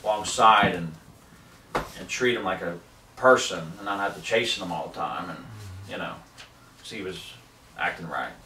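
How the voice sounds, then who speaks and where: A low-voiced man in his forties, a street preacher, delivers a fervent sermon in a wood-paneled living room, reading scripture in an animated way at a moderate pace with long pauses. A camera across the room captures him, so the sound is roomy and carries background noise.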